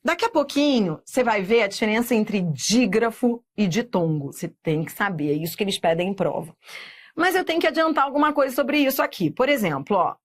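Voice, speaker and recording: A middle-aged woman with a Brazilian Portuguese accent, teaching a recorded exam-prep lesson and drawing words out slowly, often checking in with "tá?". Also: on the high side, lively intonation. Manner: slow, drawn-out spelling of words with frequent checks like "tá?".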